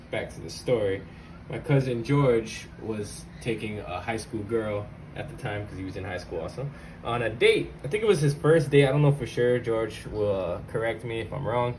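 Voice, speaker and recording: A man with a fairly low voice talks straight to the camera in his own YouTube video, walking viewers through a casual tech tutorial and telling stories along the way in loose, slangy language. The recording is rough, with slight background noise.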